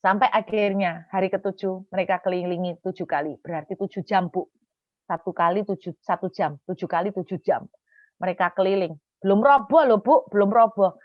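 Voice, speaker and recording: Woman pastor, sermon to women, animated storyteller, dry dull-toned recording. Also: mid-range voice, no room sound. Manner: animated storytelling, acts out dialogue in quick voices; drops to soft earnest urging.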